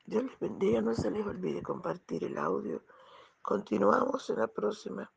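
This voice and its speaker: A preacher delivering a fervent sermon, repeating hallelujah between phrases and often dropping to a breathy whisper. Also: mid-range voice, wildly swooping pitch, moderate pace, lo-fi sound, slight background noise.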